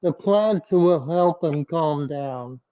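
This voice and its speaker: A man hosting a live stream, giving slow, plain, reassuring advice to callers through a muffled lapel mic. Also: clear, resonant tone, no room sound. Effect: muffled, bass-heavy sound from a clip-on mic. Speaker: host of an aquarium livestream. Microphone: clip-on lapel mic.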